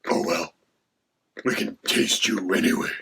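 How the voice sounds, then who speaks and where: A voice, given as male, playing a haughty dragon companion with a gravelly, creaky, half-whispered sound. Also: a little slow, noisy background, natural voice. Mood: mock menace. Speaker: co-host.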